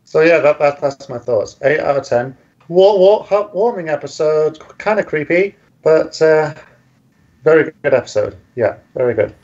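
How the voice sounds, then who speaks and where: A man's voice: a little high, expressive, normal speed, a little mellow. A man chatting casually in commentary, laid-back and agreeable. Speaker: co-host reviewing a cartoon episode. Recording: dull lo-fi recording.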